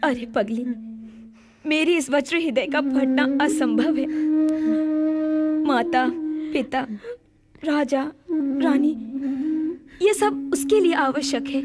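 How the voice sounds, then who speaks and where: A woman's voice: high-pitched, pitched below the performer's own voice. A woman voicing a grieving young princess in a radio drama, speaking in a solemn, declamatory way. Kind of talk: Hindi radio-drama acting. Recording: music playing behind.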